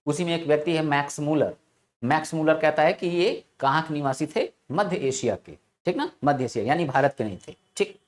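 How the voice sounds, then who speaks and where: A man's voice: on the high side, a little fast. A male teacher giving a classroom lecture, asking his students rhetorical questions and repeating the answers with frequent check-ins.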